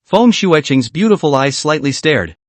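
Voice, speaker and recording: A man's voice: on the high side, very animated, normal speed, no room sound. A man narrating a comic-book story recap in a dramatic scripted way, voicing the sound effects.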